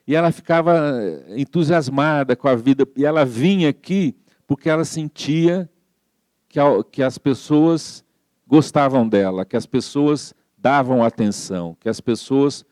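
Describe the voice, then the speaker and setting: A Brazilian man giving a spiritist sermon, telling stories gently and acting out the dialogue. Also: medium pitch, clear, resonant tone, dry recording. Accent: Brazilian Portuguese. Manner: gentle storytelling, acts out quoted dialogue, frequent "né?". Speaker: spiritist speaker. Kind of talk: sermon with anecdotes.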